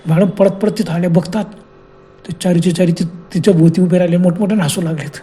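A man narrating a horror story in a slow, emphatic, repetitive way. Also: high-pitched, fairly even intonation, warm tone.

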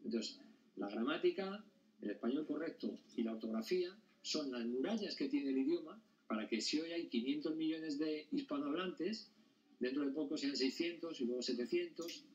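A man's voice: a little high, normal speed, a little mellow. A male teacher explains a lesson to his class and keeps checking whether the students follow. He is heard across the classroom, and the sound is dull and lo-fi. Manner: explanatory, often checks understanding with questions. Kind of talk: classroom lecture. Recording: dull sound, mic at a distance.

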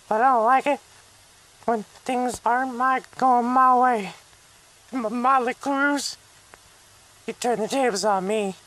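Small cartoon wrestler, played by a performer: very high voice, halting delivery, earnest and wronged, cutting a clumsy wrestling challenge promo. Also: a bit bright, low-quality recording. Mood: aggrieved. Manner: halting, stumbling over words. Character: small curly-haired cartoon wrestler, earnest, aggrieved, stumbling.

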